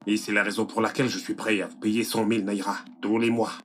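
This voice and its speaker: A man's voice: lowish voice, fast, background noise, close to an everyday voice. A man dubbing a composed father in a French-language film, courteously interviewing a nanny and firmly setting his conditions. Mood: calm. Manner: calm and courteous, firm when setting rules.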